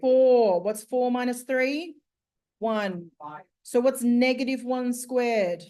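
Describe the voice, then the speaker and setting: Aussie maths teacher lady, kinda high voice, goes real slow, asking the class each step. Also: dark tone. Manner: slow, step-by-step questioning of students. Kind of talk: classroom lesson.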